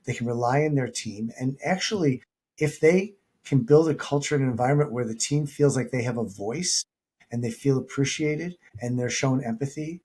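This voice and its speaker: A man speaks as a leadership coach in a relaxed interview. His voice is mellow and a little husky, and he tells stories animatedly, voicing the people in them. The talk is conversational and unscripted. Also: medium pitch. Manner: animated, acts out quoted dialogue in anecdotes.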